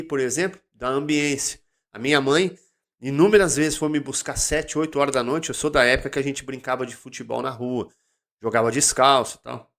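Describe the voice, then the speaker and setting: Brazilian man, lively Bible study host. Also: a little high. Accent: Brazilian Portuguese. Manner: conversational, storytelling, reads verses with loud emphatic bursts. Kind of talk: casual Bible study teaching.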